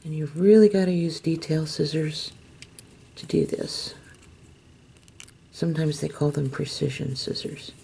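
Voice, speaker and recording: A woman hosting a craft tutorial, explaining each step gently and unhurriedly, sometimes dropping to a soft whisper as she works. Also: sits low, unhurried, vocal fry, long pauses, slightly rough.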